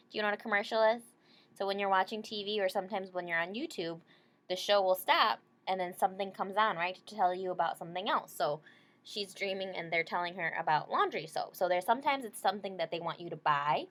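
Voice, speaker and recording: A woman with a medium-pitched, fairly bright voice reads a storybook aloud to children at a brisk pace. She offers casual explanations and checks in with her listeners using short tag questions.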